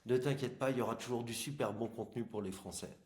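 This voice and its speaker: Homme à la diction gênée par une gouttière. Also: male voice, mid-range voice, steady tone, fast talker, darkish tone. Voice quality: slightly impeded articulation from plastic orthodontic aligners. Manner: informal, emphatic, addresses the viewer directly with examples. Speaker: host of an online marketing channel. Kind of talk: casual explanatory video talk. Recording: echoey room.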